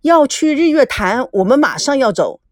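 A woman voicing a young woman TV host who questions her father in a brisk, earnest way. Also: high voice, big pitch swings, a little mellow, dry recording, studio quality, voice pushed up.

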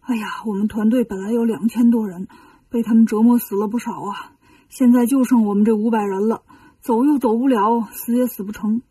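A woman's voice: a little high, fairly even intonation, brisk, warm tone, slightly rough, no echo, far from the mic. A woman doing frightened pleading monks. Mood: worried pleading. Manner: pleading, worried.

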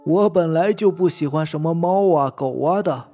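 Man voicing a gruff impatient old master. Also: fairly high pitch, moderate pace, dark tone, faint music behind. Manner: impatient, commanding. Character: irritable wealthy old household master.

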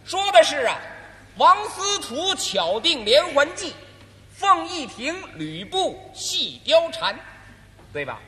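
Man, crosstalk straight man, skeptical, high bright voice, hall reverb. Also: big pitch swings. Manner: questioning, skeptical, quick retorts. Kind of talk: live crosstalk banter.

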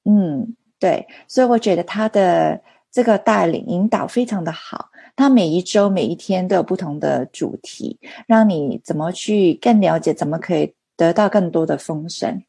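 A woman's voice: lowish voice, moderate pace, creaky, warm tone, husky, no echo. A woman speaking as a style speaker, mixing in English words and searching for terms while giving an informal testimonial on a video call. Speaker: participant sharing experience in meditation club.

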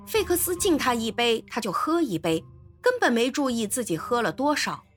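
Female storyteller, high and lively, expressive audiobook narration. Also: normal speed, faint music behind. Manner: expressive, animated reading. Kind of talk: scripted narration of a novel.

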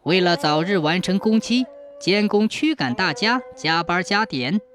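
Lively folk-tale narrator, faint instrumental bed. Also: mid-range voice, a little slow, soft background music. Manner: dramatic, expressive. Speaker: storyteller.

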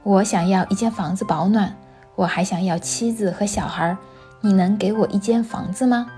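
A woman's voice: mid-range voice, moderate pace, dark tone, soft background music, close to an everyday voice. A woman voicing a boy who grows into a tired old man in a storybook reading, speaking plainly and wearily. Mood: demanding. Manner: plain, weary.

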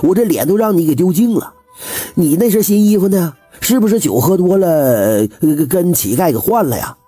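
A man's voice: on the high side, wildly swooping pitch, fairly quick, slightly rough, no echo, faint music behind, full character voice. Man playing a furious pompous old landlord. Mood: angry scolding. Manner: shouting, scolding, stammering in rage.

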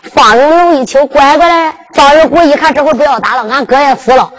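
A woman's voice: sits high, fairly quick, no echo, low-quality recording. A woman with a Henan accent narrating in the emphatic, sung-spoken style of Henan zhuizi storytelling.

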